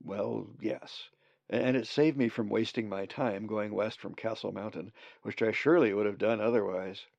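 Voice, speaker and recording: A man's voice: lowish voice, fairly even intonation, normal speed, creaky, darkish tone, no room sound. A man voicing a curious, earnest young male raven full of questions. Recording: dull dry lo-fi recording.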